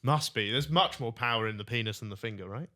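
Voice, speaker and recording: A man co-hosting a casual comedy podcast jokes around and runs a quiz segment. His voice is medium-pitched, bright, and forceful, and he talks fast.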